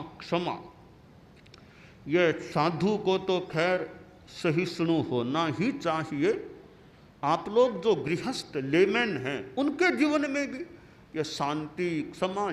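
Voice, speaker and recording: Male preacher with a lively high voice. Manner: animated storytelling. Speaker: monk preacher. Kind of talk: sermon.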